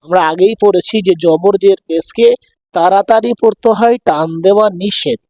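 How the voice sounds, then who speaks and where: A man teaching Quran reading in Bengali, drilling letter sounds slowly and patiently so listeners can repeat after him. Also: sits high, a little mellow. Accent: Bangladeshi Bengali. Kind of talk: slow drilled recitation lesson.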